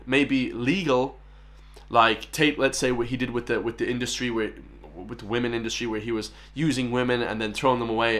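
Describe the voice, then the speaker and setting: Fast-talking Irish man reacting to a clip. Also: medium pitch, a bit bright. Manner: emphatic, keeps addressing viewers as "guys". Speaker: reaction channel host. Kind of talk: casual reaction commentary.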